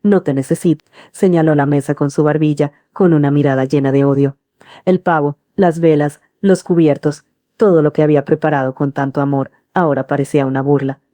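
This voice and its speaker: A middle-aged woman narrating a first-person story in a calm, earnest way. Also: deep voice, brisk, no echo.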